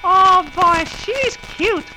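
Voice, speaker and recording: A woman voicing a squeaky, cheerful little sidekick in an old children's radio show, eager and easily flustered. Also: very slow, heavily acted. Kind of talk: 1950s children's radio acting. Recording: noisy old radio recording.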